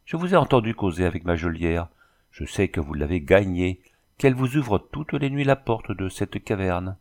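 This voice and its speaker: Man doing a wounded young French engineer, emphatic, lifted, fairly low voice. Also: sing-song, normal speed, a little mellow. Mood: impassioned.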